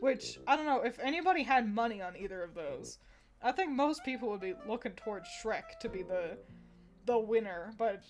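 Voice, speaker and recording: Woman streamer, higher voice, loose and giggly casual chat with her audience. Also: expressive, moderate pace, soft background music. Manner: rambling and giggly, laughs often between thoughts.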